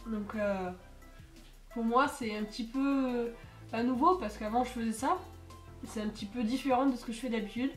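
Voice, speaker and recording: A teen girl, stuffed up from a cold, talks casually through a makeup tutorial at home as a beauty vlogger, rambling and full of fillers. Her slightly high voice moves at normal speed in a roomy-sounding space with soft music behind her.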